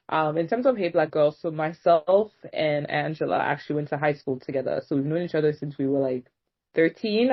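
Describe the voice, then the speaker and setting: A young Congolese woman speaking as an interview guest in relaxed casual conversation, often filling pauses with "um" and "you know". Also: low-pitched, slightly rough. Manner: relaxed and chatty, with frequent fillers like "um" and "you know". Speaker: guest, nonprofit co-founder. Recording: dull lo-fi remote recording.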